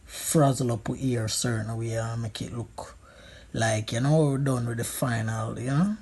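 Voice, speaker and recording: A Jamaican man gives a casual, humorous commentary in a husky voice with plenty of creak. He speaks in Patois slang and repeats short phrases to drive them home. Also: medium pitch, steady tone, moderate pace, a little mellow. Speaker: friend doing a makeup voice-over.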